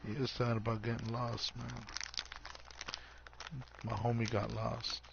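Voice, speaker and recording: A drunk man with a gravelly voice rambles reflectively in loose, sweary street slang, like a streamer talking casually to viewers. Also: mid-range voice, monotone, measured pace, noisy background. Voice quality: gravelly, fry-laden voice. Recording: dull lo-fi mic, music behind. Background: music.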